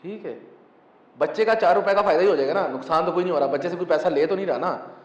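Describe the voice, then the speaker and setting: A man's voice: a little high, fast. Emphatic young man in an echoey room. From Pakistan. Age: 20s. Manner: emphatic, mixes English phrases, frequent "thik hai". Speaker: football club founder and coach. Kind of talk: casual interview. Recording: echoey, distant, muffled, faint hum.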